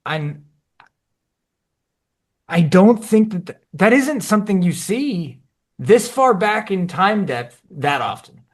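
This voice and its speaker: A man co-hosting a podcast, talking in an excitable, enthusiastic way and swearing casually. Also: sits high, takes it slowly, long pauses. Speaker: podcast co-host. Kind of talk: casual chat.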